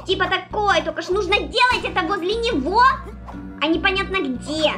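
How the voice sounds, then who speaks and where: Very high-pitched, expressive young woman gamer. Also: normal speed. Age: young adult. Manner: expressive, playful, exclaiming, chatty. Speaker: gaming channel host. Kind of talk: casual Let's Play commentary of a mobile fighting game. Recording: music behind the voice. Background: game music.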